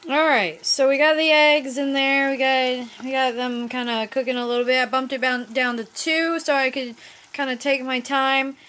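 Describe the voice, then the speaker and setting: A woman's voice: high-pitched, fairly even intonation, normal speed, a bit bright. A woman talking casually through a cooking vlog, a bit drunk, rambling and easygoing as she reassures her viewers. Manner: easygoing, self-deprecating, reassuring. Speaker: cooking vlogger.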